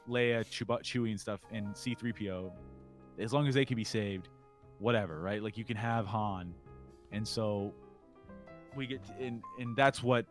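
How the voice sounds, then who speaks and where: A man co-hosting a podcast, recapping a film in casual chat, rambling and acting out characters' lines. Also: fairly low pitch. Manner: rambling, acts out film lines in quick impressions. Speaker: podcast co-host.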